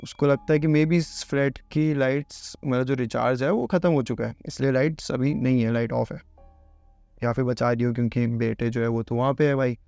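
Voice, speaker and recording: A man's voice: medium pitch, fairly even intonation, normal speed, gravelly, a little mellow, dry recording, faint music behind. Chatty man telling a horror story. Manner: chatty, addresses listener as bhai.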